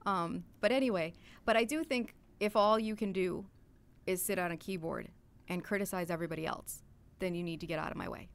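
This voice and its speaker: A woman's voice: lowish voice, a little fast. A woman from New England, a podcast guest speaking candidly and earnestly. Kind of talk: casual chat.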